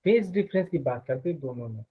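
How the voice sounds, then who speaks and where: A man's voice: medium pitch, lively intonation, quick pace, breathy edge. A man teaching physics in a live online class. He explains step by step and keeps asking the students short questions. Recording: phone-like narrow sound.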